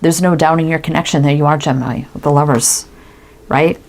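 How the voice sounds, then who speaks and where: A woman's voice: sits low, fairly even intonation, brisk. A woman giving a casual tarot reading, musing aloud and tagging her thoughts with "right?". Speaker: tarot reader.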